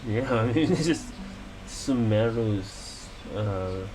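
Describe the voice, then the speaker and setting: A gaming streamer gives casual commentary on his gameplay, musing and reacting out loud. His voice is on the low side and slow, with a steady hum of room noise underneath.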